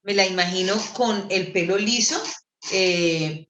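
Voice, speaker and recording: A Colombian woman storyteller giving an animated, theatrical lecture over a video call. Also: medium pitch, a little slow. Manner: theatrical, playful, shifting into put-on voices. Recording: echoey room.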